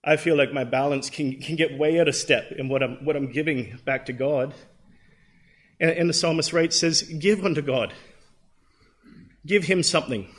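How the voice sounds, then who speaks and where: A Canadian man in his thirties leads a Bible class in an earnest, conversational way, often pausing on "um" and restarting his sentences. His voice sits a little higher than most men's. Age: 30s.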